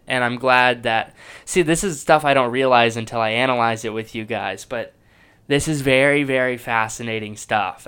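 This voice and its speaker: A comedian talking excitedly and reflectively as he breaks down his own stand-up set. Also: medium pitch, smooth. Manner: enthusiastic and self-reflective, with restarts.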